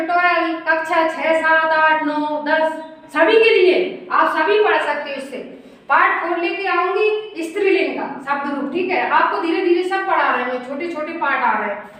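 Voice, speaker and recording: A woman's voice: extremely high pitch, fairly bright tone. A woman teaching Sanskrit grammar, reciting word forms in a rhythmic drill and often checking in with "ठीक है". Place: room, writing on a board. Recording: very echoey room, voice from a distance.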